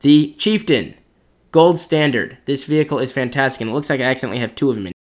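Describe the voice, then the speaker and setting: Quick-paced and medium in pitch, a man working as clan commander runs through a tank ranking for competitive play. It's casual gaming talk, blunt and opinionated, with his reasoning spoken aloud.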